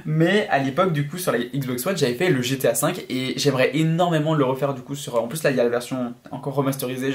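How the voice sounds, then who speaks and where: A young man chats about what he is looking forward to, his voice sitting a little above the usual male pitch. He rambles eagerly, stacking fillers and restarting his sentences as he goes. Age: young adult. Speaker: YouTuber. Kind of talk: casual vlog chat.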